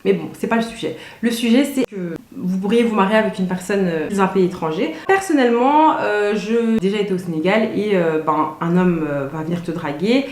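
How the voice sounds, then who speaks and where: A woman's voice: mid-range voice, brisk, a little mellow. A young woman, talking casually to camera in a loose, slangy way, full of fillers and restarts. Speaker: vlogger. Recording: roomy echoey room.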